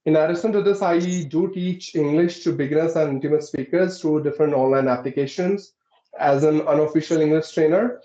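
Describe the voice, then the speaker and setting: A man's voice: fairly high pitch, brisk, mellow. Polite man explaining, echoey room. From Uttarakhand, India. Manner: polite, explaining, frequent "right?". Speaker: English teacher, channel host. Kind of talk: casual conversation practice. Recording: echoey, dull lo-fi sound.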